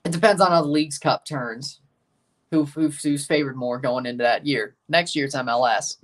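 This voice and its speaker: Loose and chatty, this Southern US streamer rambles through a live match watchalong with a bit of mild cursing. He has a fairly high voice, speaks at a normal speed, and sits a bit away from the mic.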